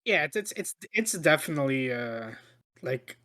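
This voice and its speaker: A man's voice: fairly high pitch, big pitch swings, normal speed, pushed and bright. A tipsy man co-hosting a casual movie podcast, rambling and repeating himself with the odd swear word. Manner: tipsy, from drinking on the show. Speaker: podcast host. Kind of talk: casual movie review banter.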